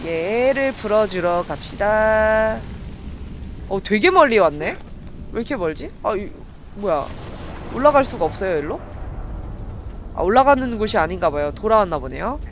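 A woman streamer giving let's play commentary, excitable and talking to her viewers as she plays. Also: medium pitch, fairly quick, long pauses, a little hiss or hum, low-quality recording. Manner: excitable, talks to viewers while playing. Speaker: game streamer.

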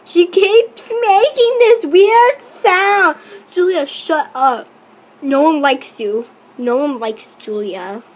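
High-voiced excitable young woman gamer. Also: slow. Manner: excitable, teasing, exasperated running commentary. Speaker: YouTuber playing a chat-story app. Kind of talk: reacting while reading a texting game aloud.

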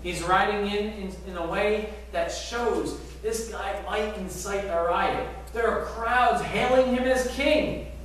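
High-voiced man preaching in echoing sanctuary. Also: slow pace. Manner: animated preaching with rhetorical questions and arm gestures. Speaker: pastor. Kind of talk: sermon. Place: large church sanctuary, indoors. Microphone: far camera at back of church. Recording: very echoey sanctuary from far off.

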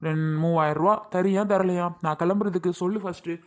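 A man's voice: high-pitched, steady tone, a little fast, natural voice. A man acting as a stubborn, boastful landlord who haggles hard and repeats his price, talking in a pushy way. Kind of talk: village family skit.

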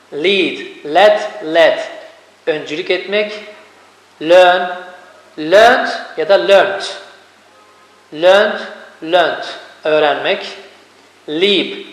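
Male teacher, high pitch, deliberate drilling delivery, reverberant room. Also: a bit bright. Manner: slow, deliberate drilling of each word form. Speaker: English teacher. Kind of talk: reading a verb list with translations. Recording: echoey room with long reverb.

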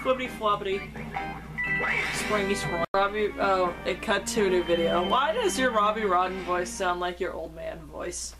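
A woman's voice: medium pitch, moderate pace. A woman co-hosting a let's play, chatting casually and swearing freely as she plays, laughing often. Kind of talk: casual gaming banter. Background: video game music.

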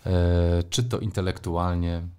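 A middle-aged man with a very low voice speaks as an interview guest. He answers with care, pausing often on fillers as he works through his thoughts. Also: steady tone, dark tone, clear, resonant tone. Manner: thoughtful, with frequent hesitations and fillers. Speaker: sports journalist, guest.

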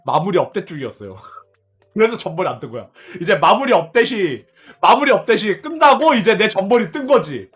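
A man's voice: high-pitched, sing-song, brisk, fairly bright tone, slightly rough, soft background music. A young man streamer casually telling a story to his viewers, laughing often, repeating himself and swearing along the way.

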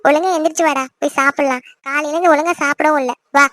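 A woman's voice: high-pitched, steady tone, racing, no room sound, clean studio sound, close to an everyday voice. A woman voicing a teasing, bossy young older sister in a family cartoon, with a chirpy voice. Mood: caring. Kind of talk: cartoon voice acting.

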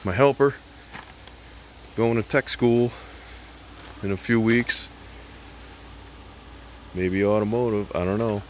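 A man's voice: on the low side, takes it slowly, long pauses, a little mellow, a little hiss or hum. A middle-aged man from Connecticut filming a casual, rambling vlog outdoors on a handheld phone, joking and sarcastic as he jumps from topic to topic. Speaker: YouTube vlogger and truck tinkerer. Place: outdoor gravel yard. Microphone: handheld phone camera, speaker off-screen.

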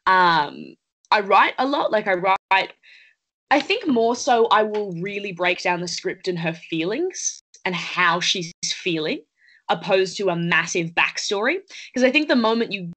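Earnest teenage actress on a video call. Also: female voice, lowish voice, fairly bright tone, rough recording. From Australia. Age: late teens. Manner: earnest, thoughtful, chatty with many fillers. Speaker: actress, interview guest. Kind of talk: casual interview over video call. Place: indoors at home. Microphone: laptop webcam on a video call.

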